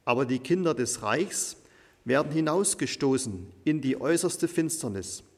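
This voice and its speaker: A man reading the gospel aloud in a church service, slow and solemn. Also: medium pitch, expressive. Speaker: scripture reader. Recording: long church reverb.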